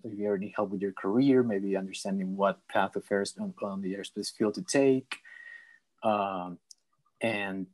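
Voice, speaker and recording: A young man from Peru introducing his mentoring role at a student club meeting over a video call, earnest and halting with restarts. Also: lowish voice. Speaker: mentorship coordinator.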